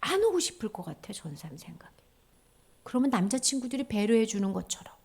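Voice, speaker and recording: Animated woman preaching to children. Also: medium pitch, quick pace, slightly rough. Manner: animated, acts out voices for children; drops to a whisper for key points. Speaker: children's ministry teacher. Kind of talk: children's sermon. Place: church.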